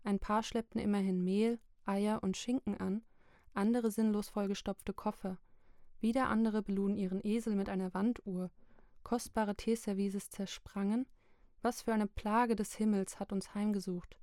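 A woman narrating a literary book chapter in a slow, measured, even reading. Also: medium pitch, dry recording, clean studio sound. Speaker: audiobook narrator.

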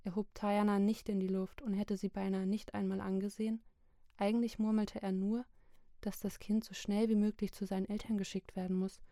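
A woman narrating a literary book chapter in a slow, measured, even reading. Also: medium pitch, no echo, clean studio sound. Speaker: audiobook narrator.

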